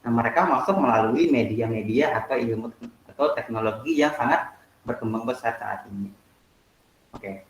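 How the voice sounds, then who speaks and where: A man's voice: medium pitch, moderate pace, slight background noise. A male teacher, giving an online class lecture and stopping often to ask students questions. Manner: explains with many "nah" and asides, asks students questions. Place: home, online video class. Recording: roomy echo.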